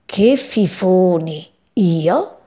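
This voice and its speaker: A woman's voice: on the high side, huge pitch swings, measured pace, darkish tone, breathy edge, heavily acted. A woman voicing a cocky, boastful young male sparrow in a children's story.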